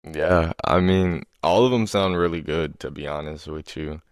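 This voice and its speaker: A man's voice: very deep voice, moderate pace, no room sound, studio quality. A young man hosting a podcast, laid-back and casual, often saying "you know what I mean.". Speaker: podcast host. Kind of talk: casual conversational interview.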